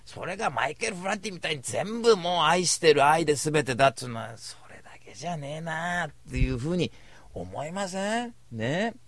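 Fast, animated man telling stories bluntly. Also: fairly high pitch, dry recording. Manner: blunt, rambling, self-described cynic; slangy rough speech. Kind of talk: casual storytelling monologue.

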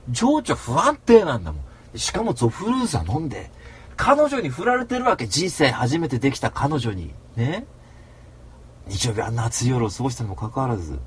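A man hosting a talk show, telling a rambling story in rough, casual speech and flaring into mock rants. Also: mid-range voice, wildly swooping pitch, normal speed. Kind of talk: casual monologue.

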